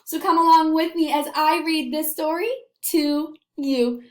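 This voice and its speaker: An elementary school teacher with a high voice leads a slow-paced read-aloud lesson for young children, speaking to camera. She asks expressive, animated questions and pauses to let the kids answer, in a room with noticeable echo.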